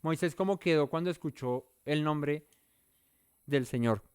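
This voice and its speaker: A man's voice: on the high side, unhurried, darkish tone, clear, resonant tone, dry recording. A man leading an interactive Bible study, talking in a conversational way and often asking the listeners questions. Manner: conversational, thinks aloud.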